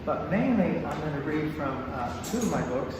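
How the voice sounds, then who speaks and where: An older man gives a poetry reading, wandering through folksy asides before slowing for the poems. His voice sits a touch high and comes from some distance, wrapped in a long church-hall echo with audible room noise. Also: animated. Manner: rambling, folksy, many fillers. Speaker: poet giving a reading. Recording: echoey hall, distant mic.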